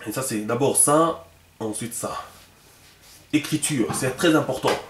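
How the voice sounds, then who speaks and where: A man's voice: medium pitch, measured pace, a bit bright. Chatty man teaching in an echoey room. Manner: chatty, repeats himself, many fillers. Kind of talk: casual video lesson.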